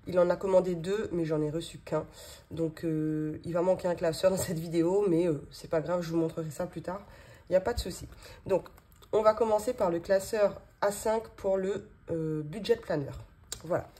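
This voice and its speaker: At a desk in her home office, a budgeting vlogger in her thirties casually shows and unboxes her binders. She speaks at a moderate pace in a fairly low, mellow voice with fairly even intonation, laughing lightly and using plenty of fillers.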